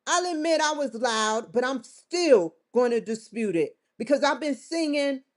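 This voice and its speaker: A high, expressive female voice moves at a slightly slow pace. As host of her own show, the vlogger faces the camera with a confrontational, defiant monologue and frequent cursing.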